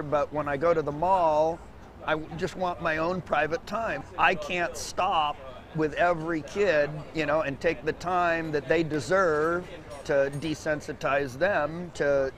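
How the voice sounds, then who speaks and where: A man's voice: on the high side, fairly even intonation, moderate pace, fairly bright tone. A man who works as an educator, speaking thoughtfully.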